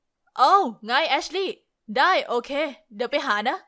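A woman voicing a calm, kind young man who runs a company, in a storybook tale. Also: high-pitched, a little slow, exaggerated voice. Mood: casual.

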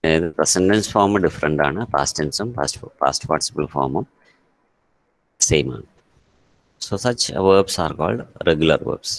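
Low gravelly Malayali man teaching grammar. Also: lively intonation, moderate pace, no room sound. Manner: explains grammar mixing Malayalam and English, calls on students by name. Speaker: English teacher. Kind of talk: online class lecture.

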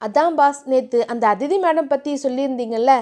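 A woman voicing a loyal young male assistant in an audio novel, reporting quickly and dutifully. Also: sits high, a little mellow, natural voice.

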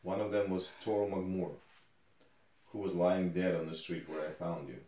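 A man's voice: sits low, level tone, normal speed, mellow, distant mic, natural voice. A man performing a dramatic scene as a stern, contemptuous rescuer interrogating someone. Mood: cold, probing. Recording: echoey room, off microphone.

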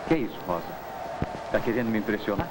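An actor playing a breezy young charmer with a Brazilian accent in 1950s film dialogue. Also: male voice, lowish voice, animated, quick pace, a loud crowd, natural voice. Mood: cocky, teasing. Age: young adult. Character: cocky, teasing young charmer, a breezy malandro. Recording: noisy old film soundtrack.

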